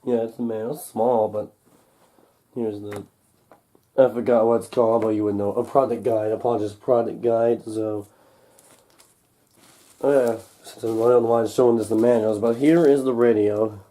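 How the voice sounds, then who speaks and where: Handling packaging at a table at home, a young unboxing host talks in a low-side, dark, steady voice, slightly congested as he recovers from a cold. His unscripted talk is casual and halting, muttered to himself and recorded by a camcorder microphone close overhead.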